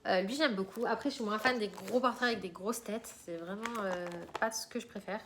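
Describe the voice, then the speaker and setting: A woman's voice: mid-range voice, a little fast, fairly bright tone. A woman with a mid-range voice talks casually to her viewers, showing off new purchases. She rambles, restarts and fills gaps with hesitations. Faint background noise sits under her voice. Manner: chatty, rambling, many fillers and restarts. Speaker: coloring book vlogger.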